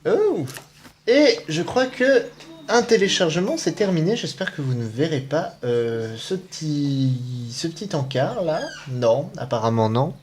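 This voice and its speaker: A man's voice: on the high side, expressive, a little slow, a little hiss or hum. Male let's-play host, casual and playful, swooping intonation, leisurely pace. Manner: playful, exclaiming and muttering to himself. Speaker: video game player commentating.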